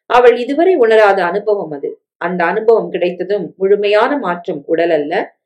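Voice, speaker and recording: A woman reading a family story aloud in a steady, plain way. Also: mid-range voice, a little slow. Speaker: narrator.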